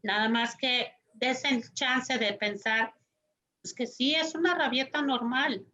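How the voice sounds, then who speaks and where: A woman's voice: a little high, muffled recording. A woman, speaking as a psychologist on a panel, thoughtful and full of tag questions. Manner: slow, thoughtful, tag questions, animated quoting. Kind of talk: panel discussion talk.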